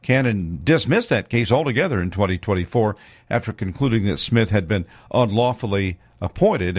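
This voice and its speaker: A man reading scripted radio news as anchor in a measured, steady way. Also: fairly low pitch, no room sound. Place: studio.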